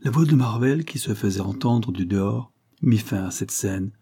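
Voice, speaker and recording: A man narrating a novel in a measured, even storytelling manner. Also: fairly low pitch, breathy edge. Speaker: audiobook narrator.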